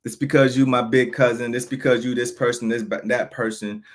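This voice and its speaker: Speaking at a moderate pace in a steady, medium-pitched voice, a man in his 30s vents in an unscripted vlog monologue. He's frank and aggrieved, frequently restarting and repeating himself.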